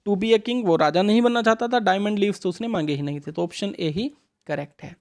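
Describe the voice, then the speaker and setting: A woman with a mid-range, darkish voice revises English with schoolchildren, switching between Hindi and English words. She asks questions and supplies the answers herself, reading English sentences out slowly.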